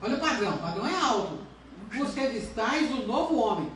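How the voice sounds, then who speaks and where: A woman's voice: fairly high pitch, big pitch swings, fairly quick, a little hiss or hum. Woman pastor preaching in an echoey church. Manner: earnest preaching with rhetorical questions. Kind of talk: sermon. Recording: echoey, distant church recording.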